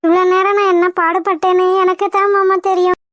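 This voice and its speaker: A woman's voice: very high-pitched, level tone, brisk, dry recording, clean studio sound. A woman voicing a devoted young wife in a cartoon, clingy and pleading. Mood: teasing.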